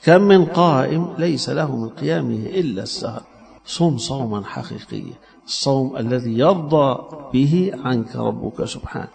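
A man preaching a sermon in an Egyptian Arabic accent, rising to emphatic lines and then dropping to soft low asides. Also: expressive, moderate pace, vocal fry.

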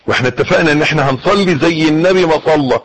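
A man with an Egyptian Arabic accent teaching how to pray, coaxing his listeners and demonstrating each step, with a husky voice. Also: a little high, racing, slight background noise, low-quality recording. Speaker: religious teacher.

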